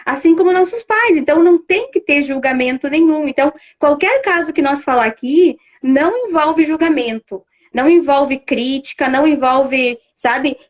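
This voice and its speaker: A woman's voice: high voice, moderate pace, hardly any pauses. A middle-aged woman, talking casually on a live stream as a family constellation facilitator, full of fillers and restarts. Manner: conversational, many fillers and restarts.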